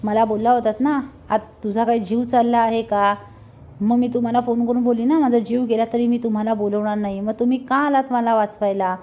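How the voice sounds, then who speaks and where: A woman voices a wounded young wife who throws reproaches at her husband. The tone is soft and dark-edged, and the voice is pitched a little high. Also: level tone, a little fast, lightly acted. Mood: bitter.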